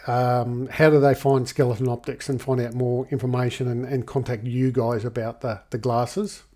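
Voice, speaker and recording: An Australian man hosting a casual podcast interview, speaking in a hesitant, halting way. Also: medium pitch, level tone, warm tone. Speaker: podcast host.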